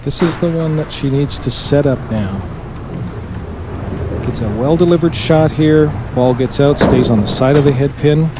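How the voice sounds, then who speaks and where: A man giving measured, analytical bowling commentary in the restrained manner of a golf commentator. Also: on the high side. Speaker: five-pin bowling colour commentator. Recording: noisy bowling alley broadcast.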